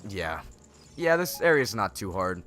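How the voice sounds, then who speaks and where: Deep-voiced with big pitch swings, slightly slow and a touch bright, this young man sounds nasal because a cold is starting. He hosts a let's play, rambling through sarcastic, casual commentary and self-correcting.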